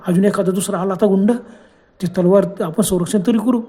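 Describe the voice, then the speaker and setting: A man voicing a frightened but fierce woman in a spoken horror story, speaking urgently and forcefully. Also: high-pitched, fairly even intonation, fairly quick, close to an everyday voice.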